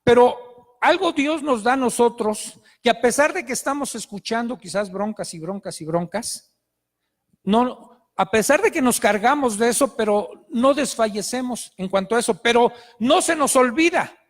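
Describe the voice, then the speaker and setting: A man's voice: extremely high pitch, expressive, moderate pace, long reverb tail. A male pastor, preaching a sermon with emphatic storytelling.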